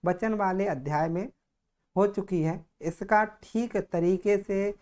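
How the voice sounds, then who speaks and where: Man teaching grammar at a steady pace. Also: sits high, slow pace. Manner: repeats each word, dictating-style explanation. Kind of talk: Hindi grammar exam-prep lesson.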